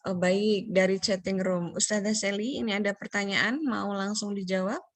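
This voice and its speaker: A woman's voice: medium pitch, steady tone, normal speed, no echo. A woman moderating an online parenting webinar, politely reading out audience questions with many hesitant fillers over a video call.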